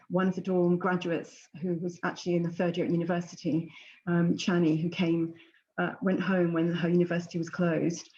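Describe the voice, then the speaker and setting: Older female presenter, hesitant, soft-edged mellow tone, slightly dull call audio. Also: fairly low pitch. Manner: halting, hesitant. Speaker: presenter at an online charity event. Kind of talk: unscripted spoken update. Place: plain room indoors. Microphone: video call. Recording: dull video-call sound.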